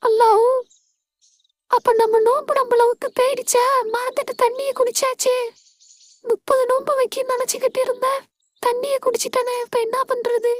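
A woman voicing a young schoolboy who is worried and tearful about breaking his fast. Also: extremely high pitch, level tone. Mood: sleepy, fretful.

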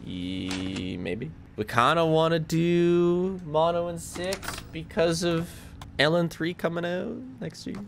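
A man's voice: fairly high pitch, takes it slowly, vocal fry, slight background noise. A man streaming a video game, commenting casually, joking with chat and laughing often.

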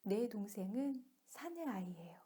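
Woman voicing a hushed, tender little boy. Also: medium pitch, sing-song, measured pace, husky, full character voice. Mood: hushed tenderness. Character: small older brother, tenderly greeting his newborn sibling. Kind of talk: picture-book reading to a toddler.

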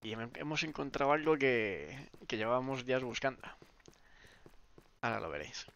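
Streaming a game with a stuffy nose and sore throat, this man talks expressively at a moderate pace in a slightly bright voice. His casual chat wanders, full of restarts and quiet mumbled asides, and the audio sounds dull.

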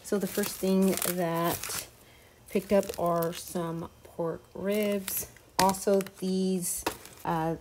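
Woman, thirties, casual home vlog, lowish voice, chatty, arm's-length camera, faint background noise. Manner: chatty, addresses viewers as y'all. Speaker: lifestyle vlogger. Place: home kitchen and garage, indoors. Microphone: camera held at arm's length.

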